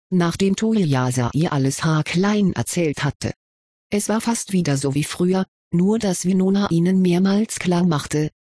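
A narrator reading a fantasy story aloud in a steady, even storytelling manner. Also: medium pitch, no echo, clean studio sound. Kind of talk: audiobook reading of fan fiction.

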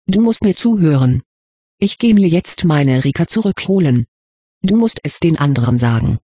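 A reader voicing a brusque, hurried young male wizard with a sarcastic, impatient way of talking, in an audiobook. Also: mid-range voice, lively intonation, mellow, slightly rough, dry recording, studio quality. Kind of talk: audiobook character reading.

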